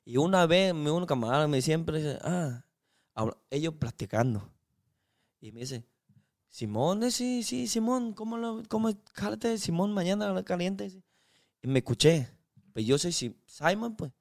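Chinese-born male guest, young, broken slangy delivery, a bit high-pitched. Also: big pitch swings, measured pace, a little mellow. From China. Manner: broken, street-slang Spanish with restarts. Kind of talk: casual interview chat.

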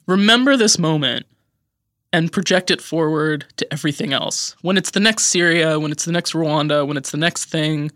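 A woman from Idaho, USA, appears as a guest commentator in a podcast interview, speaking in an impassioned, emphatic way while sounding tired and on edge. Her voice is on the low side with a fairly bright tone, recorded at studio quality with no room sound.

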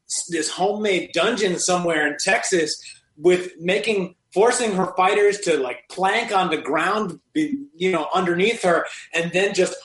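A man co-hosting a sports podcast in casual chat, halting with many restarts and fillers. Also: high voice, roomy sound. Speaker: podcast co-host.

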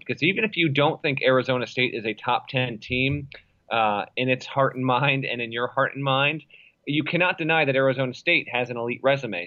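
A man's voice: medium pitch, fairly bright tone. A man co-hosting a sports podcast, giving wordy conversational analysis and qualifying his opinions with asides. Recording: slightly dull lo-fi audio.

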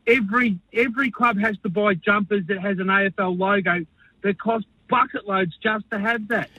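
High, bright-voiced blunt Australian man calling in. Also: moderate pace, slightly rough, no echo, low-quality recording. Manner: blunt, complaining. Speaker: talkback radio caller. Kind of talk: casual opinionated phone-in talk.

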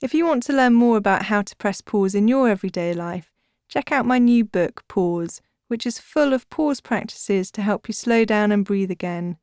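Female narrator for guided relaxation: mid-pitched, clear and smooth, soothing sleep-story delivery, measured and deliberate. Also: expressive, darkish tone, no room sound, clean studio sound. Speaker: podcast host and author guiding breathing practices. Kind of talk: scripted narration.

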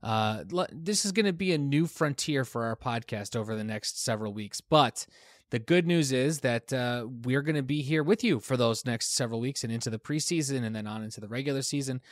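A tired man hosts a casual podcast at a medium pitch, recorded close and dry with no room sound. He laughs easily and fills pauses with ums and uhs as he chats. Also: no echo. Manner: laughs often, filler-heavy, relaxed. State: tired from a newborn. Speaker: podcast host. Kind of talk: casual chat.

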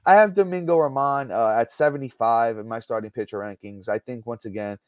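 A man hosts a sports podcast in a relaxed, chatty way, reeling off numbers between fillers and restarts. His voice sits in a middle register with a dry, close sound. He talks from home over a call. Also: mid-range voice, fairly quick, dry recording. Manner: chatty, stat-heavy, many fillers and restarts. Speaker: podcast host. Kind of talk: casual sports podcast talk.

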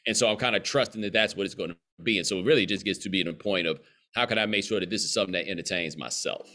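A man in his forties from the southern United States, speaking with a Southern American accent, is a guest in a casual conversation. He tells stories in an expansive, idiomatic, emphatic way, his fairly low voice coming out very fast and sharp.

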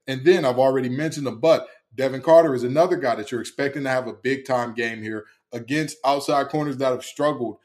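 A man's voice: mid-range voice, darkish tone. Emphatic man breaking down a football matchup. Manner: emphatic, repeats phrases, frequent fillers. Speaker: sports analyst host. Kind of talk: solo sports preview commentary.

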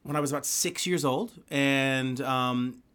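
A man's voice: mid-range voice, a little slow, a bit bright, smooth. A man in his thirties from the Bahamas, chatting animatedly as an interview guest in a theater basement, full of "like" and "you know what I'm saying". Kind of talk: casual interview chat.

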